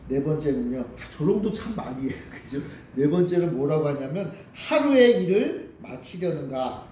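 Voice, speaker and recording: Korean pastor preaching, kinda high voice, repeats stuff, roomy church sound from far off. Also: male voice, expressive, a little fast, mellow, slight background noise. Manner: rhetorical questions, repeats key phrases. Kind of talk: sermon. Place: church sanctuary.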